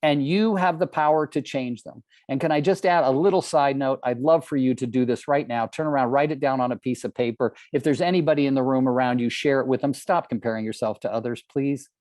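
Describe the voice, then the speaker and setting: A Californian man in his sixties delivers an earnest, emphatic motivational training talk to real estate agents, often putting questions to the audience. His mid-range, darkish voice moves fairly quickly with hardly any pauses, recorded at studio quality with no room sound.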